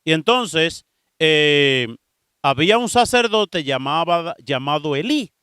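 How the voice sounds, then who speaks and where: A man's voice: on the high side, slow, smooth, no echo, clean studio sound. A priest preaching a sermon, telling Bible stories and speaking straight to his listeners. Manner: preaching with lively storytelling, acting out dialogue; addresses listeners directly.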